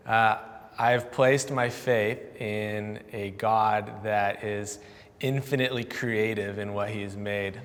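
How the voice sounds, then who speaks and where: A man's voice: lowish voice, fairly bright tone, in a large hall. A man in his forties, a pastor, speaking candidly in a panel discussion and telling stories with self-deprecating humour.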